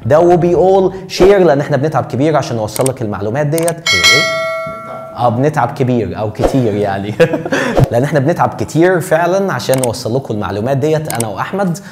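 Fast-talking Egyptian man teaching English. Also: mid-range voice, lively intonation, heavy background noise. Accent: Egyptian Arabic. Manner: joking, slangy, drawls English examples slowly. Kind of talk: casual online English lesson. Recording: faint music behind.

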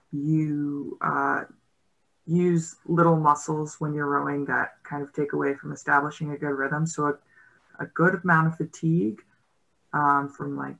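Gravelly woman on a video call. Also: sits low, sharp tone, poor audio. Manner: thoughtful, hesitant with many fillers. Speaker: guest rower. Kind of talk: casual panel discussion. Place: indoor home room. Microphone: video call laptop mic.

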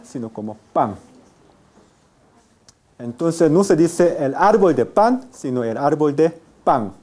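A man's voice: medium pitch, warm tone. A man teaching Spanish phonetics in a university class. He repeats example words and quizzes his students. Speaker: university Spanish phonology lecturer. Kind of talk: classroom lecture with questions to students. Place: university lecture room.

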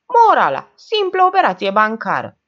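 A woman's voice: on the high side, wildly swooping pitch, pitched above the performer's own voice. A woman voicing a cynical man who talks in a mocking, sarcastic way, in a dull lo-fi recording.

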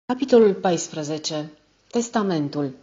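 A woman reads a classic novel aloud in a measured, steady storytelling voice that sits lower than most. The sound is dull and lo-fi, like an older home recording. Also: slightly rough. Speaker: audiobook narrator. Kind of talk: scripted narration.

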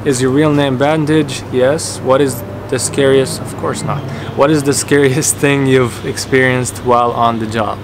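A young man in his twenties talks casually through viewer questions in an easygoing middle-pitched voice. He is relaxed and chatty, full of fillers and restarts. The recording picks up a roomy echo and clear background noise. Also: unhurried, hardly any pauses. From Canada and Qatar. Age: 20s. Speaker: YouTuber answering viewer questions. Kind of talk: casual Q&A vlog. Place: home office, then outdoor courtyard.

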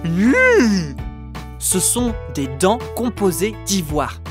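A woman hosts a children's educational video, presenting in a playful, exclamatory way with jokey asides to the animals while music plays underneath. Her mid-range voice swoops wildly in pitch and moves extremely slowly.

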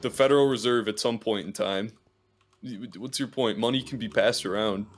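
A man's voice: fairly low pitch, normal speed. A man teasing his friends in a casual voice chat, laughing often. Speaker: friend in a group debate.

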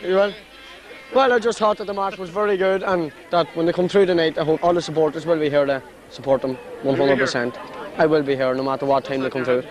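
A man's voice: on the high side, steady tone, quick pace, slight background noise. A young man with a Donegal Irish accent chatting in a jokey, bantering way, filmed outdoors on a camcorder. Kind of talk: casual street chat. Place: outdoors in a town street at night. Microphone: camcorder at arm's length. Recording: amateur camcorder in outdoor street.

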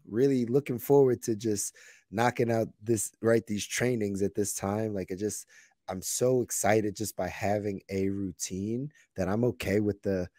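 A man in his thirties, a podcast co-host whose voice is raspy and hoarse as he recovers from losing it, chatting casually and reflectively. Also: on the low side, dry recording, studio quality. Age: 30s. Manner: relaxed, reflective, talks in run-on thoughts.

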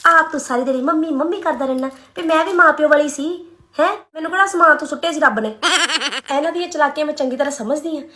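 A woman's voice: sits high, fast talker, bright, forceful tone. A woman with a Punjabi accent complaining sulkily in a comedy sketch. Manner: sulky, complaining. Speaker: sketch actor playing a complaining wife.

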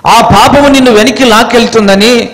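A man preaching a sermon with passion, swinging between loud pleading and low, intimate tones. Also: a little fast, big-room sound, poor audio.

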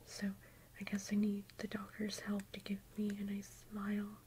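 A woman's voice: mid-range voice, monotone, moderate pace, dark tone, a little hiss or hum. A young woman whispering in an ASMR makeup roleplay, gushing compliments and rambling with "like" and "um". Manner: rambling with fillers like "like" and "um". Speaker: ASMR YouTuber.

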